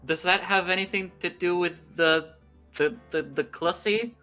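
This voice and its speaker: A man's voice: high voice, moderate pace, music in the background. A man in casual livestream banter, greeting chat as he streams a game.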